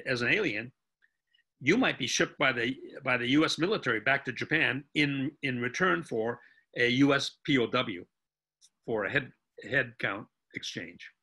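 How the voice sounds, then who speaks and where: An American man in his eighties giving a history talk, walking through photographs in an earnest, halting way with frequent restarts. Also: medium pitch, lively intonation, pushed and bright, husky. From United States. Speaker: guest speaker.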